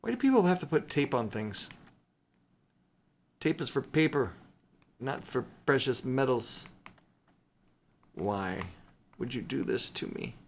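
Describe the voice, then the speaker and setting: Medium-pitched and sing-song, this man takes his time and leaves long pauses. As a video host showing off his silver bullion buys, he rambles in an unscripted, casual way, with mildly playful exclamations. A little hiss or hum can be heard.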